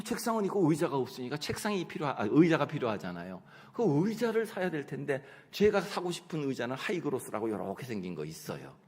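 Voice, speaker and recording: A middle-aged man preaching a sermon, telling personal stories in an animated way and acting out his own prayers and conversations. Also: medium pitch. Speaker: pastor. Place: church sanctuary. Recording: long church hall reverb.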